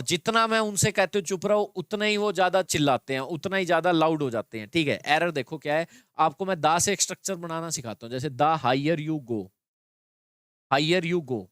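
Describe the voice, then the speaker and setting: A man's voice: on the high side, a bit bright, smooth, no room sound, clean studio sound. A man teaching an English grammar lesson, explaining in Hindi with English terms and checking in with students often.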